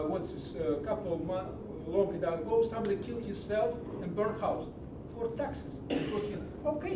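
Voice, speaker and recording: In a large meeting hall, a middle-aged man from Greece delivers a passionate, preachy public comment in broken English during a county meeting. The sound is distant and echoey, with a low rumble in the background.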